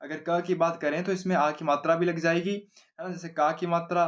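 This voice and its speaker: A male grammar teacher at a board runs an exam-focused lesson in a slightly high voice that barely moves in pitch, talking a little fast. He explains simply, poses questions and answers them himself, and keeps asking 'है ना?'. The audio sounds dull.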